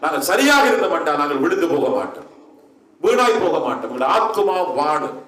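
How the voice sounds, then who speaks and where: A fairly high-voiced male pastor delivers a sermon with emphatic, repeated phrases that build in force. He sounds set back from the microphone in an echoey hall, with a faint hum behind him. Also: very animated, brisk, fairly bright tone, far from the mic. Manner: emphatic, repetitive preaching with rising calls.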